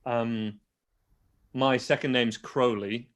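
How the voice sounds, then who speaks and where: Speaking slowly with fairly even intonation and a medium pitch, a young man with a softened Yorkshire accent explains things in plain terms. He teaches guitar and makes online videos, and in this casual interview he keeps restarting his sentences.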